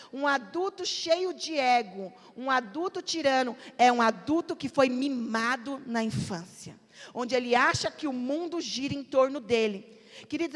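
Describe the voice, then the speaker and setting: Woman pastor w/ sao preaching, high voice, emphatic, big echoey church hall. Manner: emphatic, animated storytelling with acted quotes. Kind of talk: sermon.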